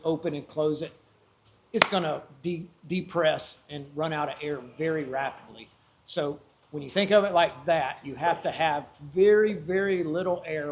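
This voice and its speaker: A man's voice: on the high side, fairly bright tone. A man giving an informal, folksy instructional demonstration as a hunting-call instructor. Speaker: duck calling instructor.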